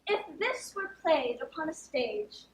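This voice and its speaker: A woman's voice: extremely high pitch, expressive, unhurried. A woman playing a gleeful mischievous servant. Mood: teasing. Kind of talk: live stage play. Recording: echoey stage from far off, faint ambience.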